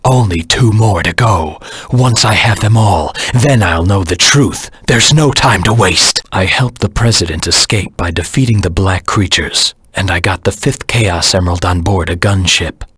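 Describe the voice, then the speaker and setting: Video game anti-hero hedgehog, deep, very raspy, cold, driven, menacing, terse. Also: male voice, moderate pace, a bit bright, dry recording, clean studio sound, heavily acted. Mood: cold, defiant. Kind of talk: video game character acting.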